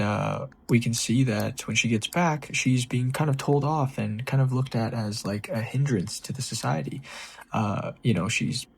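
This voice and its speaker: A man's voice: medium pitch, gravelly, breathy edge, poor audio. Enthusiastic man breaking down an episode. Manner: enthusiastic, gushing fan; frequent ums and restarts. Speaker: show reviewer and channel host.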